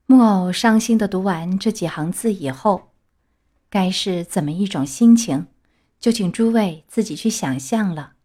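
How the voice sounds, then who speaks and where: A woman narrating a children's story in a steady, expressive reading voice. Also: mid-range voice. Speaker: audiobook reader. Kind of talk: scripted narration.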